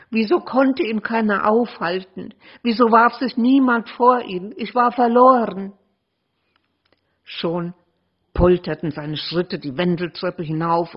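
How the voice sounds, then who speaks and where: Woman author reading her own prose, husky and lively, muffled lo-fi sound. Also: fairly low pitch. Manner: dramatic, lively narration with shifts in loudness. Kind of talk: expressive literary reading. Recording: muffled lo-fi recording.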